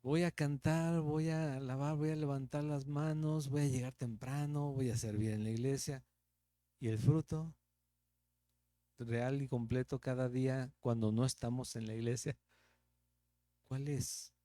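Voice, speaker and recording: A man's voice: mid-range voice, fairly even intonation, measured pace, warm tone, dry recording, studio quality. A man with a Mexican Spanish accent teaching the Bible verse by verse as a pastor, in a conversational preaching manner with rhetorical questions.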